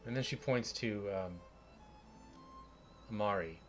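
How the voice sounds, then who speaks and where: A man acting as game master, casually narrating a tabletop game in a halting way as he searches for words. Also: on the low side, soft background music.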